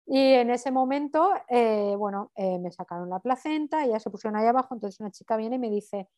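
A woman in her thirties with a Spanish accent from Spain, casually telling a personal story and acting out the dialogue with a lively, blunt manner. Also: fairly high pitch, a little fast, no echo.

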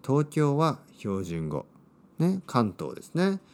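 Slow, lively-voiced man teaching Japanese. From Oita, Japan. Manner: slow and clear, with lively swings in pitch. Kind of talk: slow, simple Japanese lesson.

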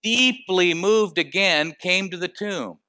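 A man preaching a sermon, asking the congregation rhetorical questions and moving between quiet and emphatic delivery. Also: high-pitched, slow, no echo, clean studio sound.

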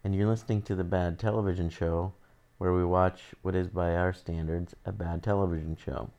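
Man, podcast co-host, very low voice, rambling casual chat. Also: steady tone, brisk, vocal fry, mellow, highs cut off. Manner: rambling, self-correcting, laid-back.

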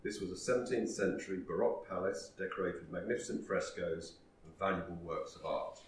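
A man with a very low voice delivers a measured lecture on history. He seems to stand well back from the microphone in a roomy, echoing space, with a faint hum of room noise underneath.

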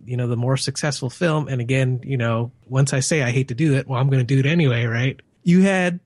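A man's voice: medium pitch, fairly quick, darkish tone, no room sound, clean studio sound. A man reviewing a film in casual chat, rambling and peppering his talk with "you know".

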